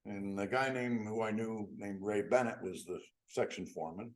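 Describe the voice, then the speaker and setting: A man's voice: fairly low pitch, normal speed. Older man telling folksy railroad stories. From upstate New York. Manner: folksy, acts out quotes with rising excitement. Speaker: guest speaker. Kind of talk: storytelling talk.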